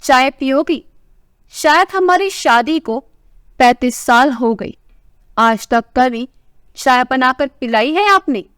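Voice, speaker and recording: A woman's voice: high-pitched, animated, slow pace, pauses often, fairly bright tone, clean tone, no room sound, clean studio sound, heavily acted. A woman voicing a playful husband in his sixties who teases and coaxes his wife in a family story. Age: 60s. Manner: teasing, coaxing.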